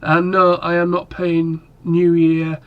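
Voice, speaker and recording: Coughing and stuffed up, a man vlogs to the camera, wandering through his thoughts with plenty of ums and restarts. The audio is dull, and his fairly high voice comes out slow, monotone and clean.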